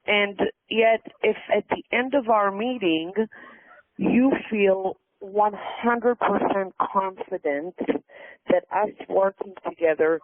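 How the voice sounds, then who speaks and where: A man talks over a landline phone in a slightly high voice, and the line squeezes it thin and tinny. He is an earnest, reassuring realtor who comes back to his key points again and again. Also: slow pace, no echo. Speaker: realtor in a practice sales call. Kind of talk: polite sales pitch on a phone call. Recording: narrow tinny landline sound.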